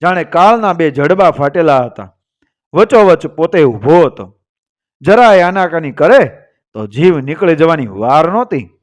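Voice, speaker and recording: A man's voice: fairly high pitch, sing-song, measured pace. A man narrating a moral story as the channel's storyteller, reading steadily with dramatic emphasis.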